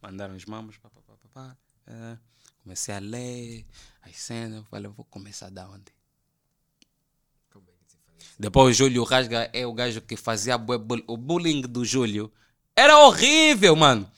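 A young man from Angola with an Angolan Portuguese accent, telling animated, slangy stories as a podcast guest. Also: mid-range voice, normal speed, long pauses. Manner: animated, slangy, acts out quoted voices. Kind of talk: casual storytelling chat.

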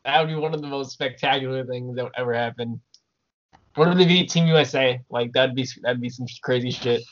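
Young american dude, frat bro podcast host, sweary and slangy, kinda muffled call audio. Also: male voice, mid-range voice, a little fast. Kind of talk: casual podcast banter. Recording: dull lo-fi audio.

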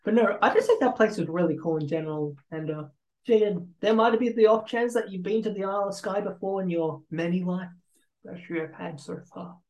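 A man hosting a casual chat show, speaking softly and hesitantly, often trailing off. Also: high voice, a little fast. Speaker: host. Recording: echoey room.

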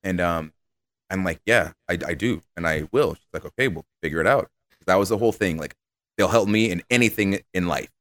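A man's voice: low voice, fairly quick, no room sound. A man, a podcast guest, telling stories in a casual interview and acting out the voices of the people he quotes. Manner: animated, acts out quoted voices.

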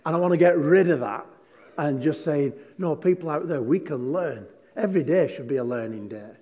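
Preaching in a large hall before a congregation, a pastor with a fairly high, warm and animated voice speaks at normal speed, mixing chatty jokes and stories with forceful scripture reading. The highs are cut off, and the hall reverb is long.

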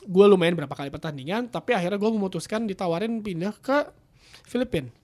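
A man's voice: high voice, expressive, fast talker, a little mellow. A man, a football commentator chatting casually on a podcast, rambling with restarts and fillers. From Indonesia.

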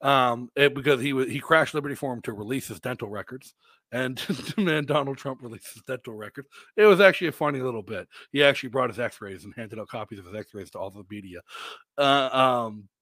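A man hosting a casual podcast, telling stories in an animated way and laughing often. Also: mid-range voice, brisk, no room sound. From New Hampshire, United States. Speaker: podcast host.

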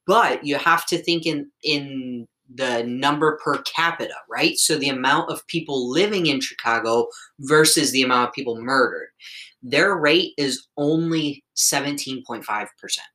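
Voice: mid-range voice, normal speed, pushed and bright, rough recording. A podcast host presenting a top ten countdown in a conversational way, reading out figures and adding chatty asides. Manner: reads figures out, then adds chatty asides with tag questions.

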